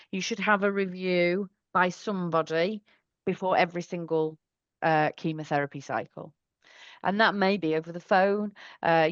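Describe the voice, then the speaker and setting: Chatty woman specialist nurse, low-pitched. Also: dry recording, muffled recording. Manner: chatty, thorough, self-correcting. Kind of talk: online Q&A session answering questions.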